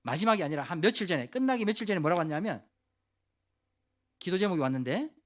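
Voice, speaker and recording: Lively, high-voiced male pastor preaching. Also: fast. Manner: animated storytelling, casual speech to teens; asks the audience questions directly. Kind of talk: youth service sermon.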